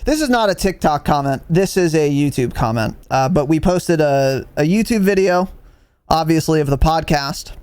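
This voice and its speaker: A young man hosts a casual podcast, his voice sitting a little high and swinging widely in pitch. He talks with profane, mock-exasperated humor. The sound is dry and close. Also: animated, normal speed, a little mellow, clean tone, no room sound. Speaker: podcast co-host.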